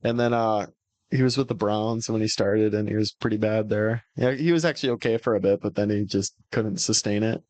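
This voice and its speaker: A man's voice: on the low side, fairly quick, no room sound. Profane, rambling man in dry room. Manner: profane, animated, rambling with fillers. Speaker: podcast co-host. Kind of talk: casual sports chat.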